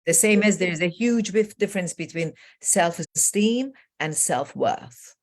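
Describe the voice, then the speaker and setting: Unhurried and lower in pitch, this Iranian transformation coach in her sixties shares her own stories as a conversation guest. She's emphatic and declarative, coming back to key phrases again and again.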